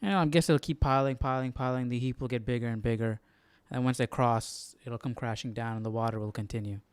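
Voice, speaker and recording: A man with a mid-range voice and fairly even intonation hosts a Bible study, explaining things casually and posing questions to himself as he goes. He talks fairly quickly in an easygoing live commentary, with a little hiss or hum on the recording.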